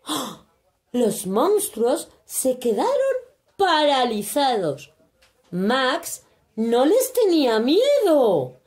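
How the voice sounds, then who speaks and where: A woman telling a children's storybook tale. She reads slowly and expressively, her fairly high voice rising and falling with lively animation.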